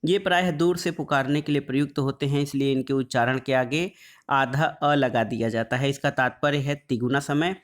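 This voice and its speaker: A man teaching an exam-prep lesson on Hindi phonetics, reading quiz questions and then explaining the answers, drawing out letter sounds slowly as he lists them. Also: mid-range voice. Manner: draws out sounds slowly when listing letters; calls the audience "friends".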